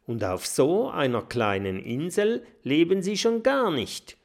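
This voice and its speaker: A man voicing a clever, cautious young girl who talks in a hushed, knowing way, in a storybook reading. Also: fairly high pitch, huge pitch swings, a little slow, gravelly, voice pushed up, exaggerated voice. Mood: explaining.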